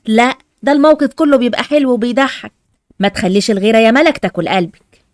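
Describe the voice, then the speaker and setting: A woman voicing a fast-talking Egyptian grandmother. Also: on the high side, no echo, studio quality, natural voice. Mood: scolding. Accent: Egyptian Arabic. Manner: fast, lecturing. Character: caring, scolding old grandmother. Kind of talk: Roblox family drama voice acting.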